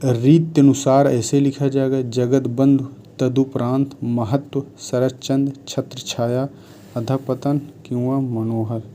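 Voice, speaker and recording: A man teaching Hindi spelling, reading out word lists one by one in a measured dictation style. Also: mid-range voice, little pitch movement, mellow, a little hiss or hum.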